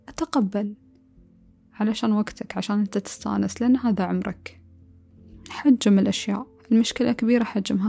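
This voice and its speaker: A woman giving a calm, earnest motivational talk, now and then mixing in English words. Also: mid-range voice, creaky. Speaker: motivational speaker.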